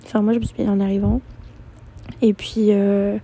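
Young woman chatting from a hostel dorm, gravelly and kinda husky, rambly with lots of restarts. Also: mid-range voice, flat delivery, moderate pace, dark tone. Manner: rambling, many fillers and restarts. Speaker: travel vlogger. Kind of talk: casual storytelling.

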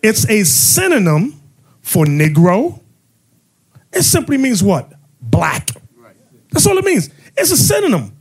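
A man acting as bishop and host, preaching in a fiery way, mocking and often shouting. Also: high-pitched, huge pitch swings, measured pace, pauses often, a little hiss or hum.

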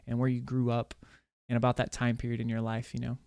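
A man's voice: mid-range voice, monotone, fast, gravelly, a little mellow, no echo, clean studio sound. A man hosting a casual podcast interview, easygoing and teasing, with frequent ums and restarts. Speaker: podcast host.

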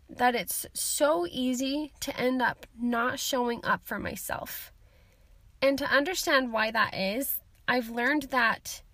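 Brief: young female podcast host, bright high voice, encouraging and chatty, a bit stuffy from a cold, close dry recording. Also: no room sound. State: has a summer cold. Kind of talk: solo self-help podcast talk.

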